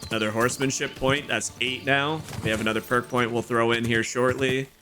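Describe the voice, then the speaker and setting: A man's voice: mid-range voice, steady tone, brisk, over music. A man giving casual video game commentary as a playthrough host, chatty, thinking aloud and given to exclaiming.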